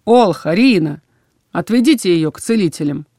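A woman's voice: fairly low pitch, lively intonation, moderate pace, warm tone, no echo, clean studio sound. A woman voicing a strict female dormitory warden who snaps out curt orders. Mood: stern.

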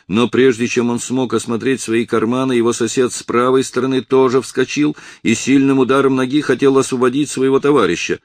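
Male audiobook narrator, gravelly, expressive, dry close mic. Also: mid-range voice, dry recording. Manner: expressive storytelling. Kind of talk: scripted narration.

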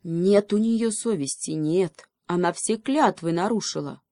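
A woman's voice: on the low side, a little slow, mellow, no echo, clean studio sound. A woman voicing an earnest young male beaver in a storybook, firm and lecturing. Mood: accusing.

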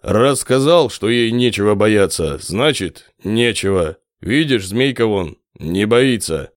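A man voicing a weary, sleepless prince who speaks slowly and with authority in a tired voice. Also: fairly low pitch, lively intonation, no echo, studio quality. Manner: slow, measured, authoritative. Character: weary, sleepless middle-aged male prince.

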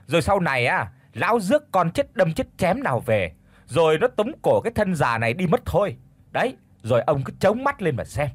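A man's voice: a little high, very animated, moderate pace, no room sound. A man doing a nagging, bossy old village wife. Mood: wailing. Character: shrewish old wife of a rich villager, loud and pushy.

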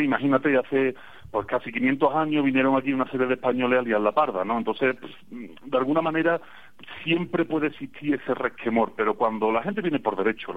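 Andalusian man on a tinny phone line. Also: mid-range voice. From Spain. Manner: chatty, digressive storyteller with wry humor. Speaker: radio guest calling in from abroad. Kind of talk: casual radio chat.

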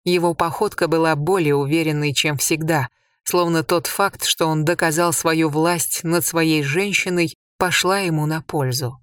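An audiobook reader narrating a story in an even, measured way. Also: mid-range voice, no echo, clean studio sound, distant mic.

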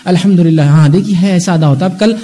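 Guy lecturing on religion, high voice but mellow tone, acts out scoldings. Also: a little hiss or hum. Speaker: Islamic lecturer.

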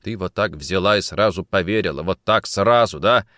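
A man's voice: normal speed, dry recording, studio quality. A male audiobook reader voicing a stern police major who questions coldly and insistently. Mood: impassioned. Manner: cold, insistent questioning, low and quiet at times. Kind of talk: audiobook character reading.

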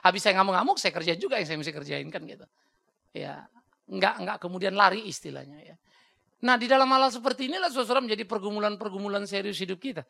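A man's voice: sits high, vocal fry, pushed and bright, no echo. A man preaching a sermon bluntly and with energy, acting out the voices he quotes and dropping English words into his talk. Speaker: pastor.

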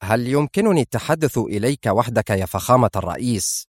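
A man voicing a smooth, fawning and cunning male spy in an audiobook, polite and insistent. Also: mid-range voice, lively intonation, quick pace, no echo, studio quality. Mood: sly, insistent. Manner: ingratiating and cunning. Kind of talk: audiobook character voice.

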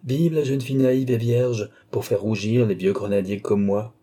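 A vain old baron schemes with dry irony and cold command, as a man voices him in a storybook reading. The voice is low and dark with a husky edge. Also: steady tone, normal speed, close to an everyday voice. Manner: ironic, coaxing, commanding.

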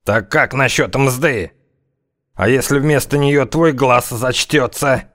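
A man voicing a tough, slang-talking gunman who threatens and mocks in a slow drawl. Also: medium pitch, fairly bright tone, voice pushed up. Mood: menacing mockery. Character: tough slangy male gunman, menacing, scornful.

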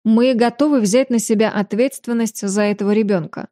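A woman's voice: a little high, fairly even intonation, normal speed, mellow, dry recording, studio quality, natural voice. A woman voicing a composed, dignified middle-aged duke who speaks evenly and respectfully in an audiobook. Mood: calm.

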